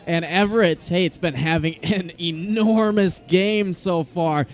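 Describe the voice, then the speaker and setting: Male color commentator, fairly high voice, conversational game analysis. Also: a little slow.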